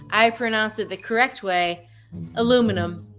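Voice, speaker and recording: A woman's voice: medium pitch, normal speed, music in the background. A young woman from the USA chatting on a video call, talkative and emphatic as she teases her partner. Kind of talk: casual video chat.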